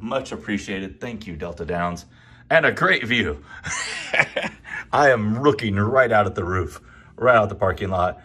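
A casino vlogger in his forties gives a chatty, upbeat walk-through review of a hotel room, full of frequent asides. His lowish voice sounds pushed and bright, recorded indoors on a handheld phone camera.

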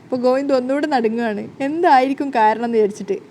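A woman's voice: high-pitched, racing, dark tone, a little hiss or hum. A woman casually retelling a TV serial episode in a chatty style, stringing scenes together with fillers. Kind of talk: casual story recap.

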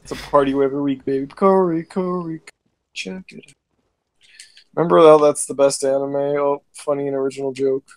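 A man's voice: fairly high pitch, flat delivery, fairly quick. Goofy young man riffing over gameplay. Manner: goofy, riffing absurd jokes. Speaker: gaming co-host. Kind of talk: casual co-op gameplay chat.

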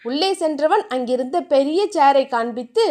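A woman with a high voice reads a romance novel aloud in a steady storytelling way. Her narration is even and measured, and it carries the scenes from one line to the next. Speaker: audiobook narrator. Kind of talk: scripted narration.

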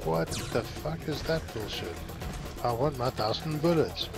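Laid-back gamer man, loud game music. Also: mid-range voice, big pitch swings, unhurried. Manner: laid-back, wry comments. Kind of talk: co-op gameplay chat.

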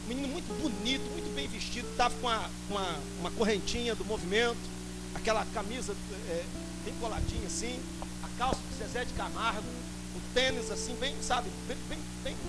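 A man pastor preaching a sermon, telling a story in an animated, theatrical way and calling out to the congregation. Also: extremely high pitch, fairly quick. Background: guitar music.

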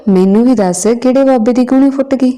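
A woman's voice: high voice, brisk, dark tone, pitched above the performer's own voice, natural voice. A woman voicing a stern female village schoolteacher who scolds late pupils. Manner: bossy, commanding questions.

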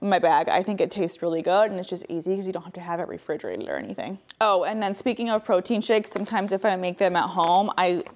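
A woman's voice: on the low side, animated, quick pace, hardly any pauses, a little mellow. A woman in her thirties, a lifestyle vlogger, chatting casually through a grocery haul in her home kitchen on a lapel mic, upbeat and full of "like" and "um". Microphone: clip-on lapel mic.

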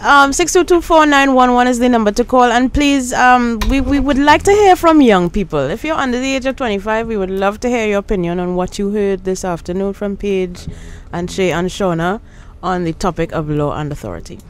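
Brisk woman hosting in a radio studio. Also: mid-range voice. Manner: brisk, businesslike moderating. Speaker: radio host. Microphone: studio boom mic.

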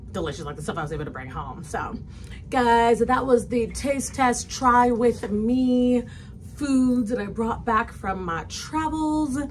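A woman's voice: medium pitch, a little hiss or hum. A woman food vlogger chatting casually while tasting snacks, talking with her mouth full with touches.

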